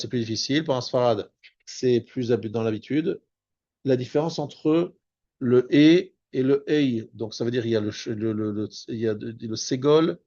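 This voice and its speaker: A man, a rabbi, teaching a spoken Torah lesson, explaining patiently and slowing down on Hebrew terms. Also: mid-range voice, a little mellow, dull audio. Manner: explanatory, repeats and restarts words, stresses Hebrew terms slowly.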